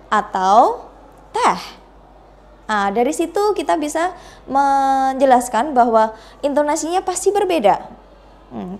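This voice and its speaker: A woman's voice: a little high, darkish tone. Woman teacher with an Indonesian accent. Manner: slow, drawn-out model sentences for repeating. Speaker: English teacher. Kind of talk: bilingual classroom lesson.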